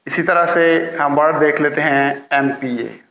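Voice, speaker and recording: A man's voice: fairly high pitch, creaky. Man teaching grammar. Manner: patient, repeats key words slowly. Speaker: English teacher. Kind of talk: classroom grammar lesson. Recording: roomy, dull lo-fi sound.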